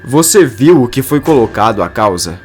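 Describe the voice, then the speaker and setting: A man reading a calm, reasoning young man. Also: mid-range voice, moderate pace, faint music behind, lightly acted.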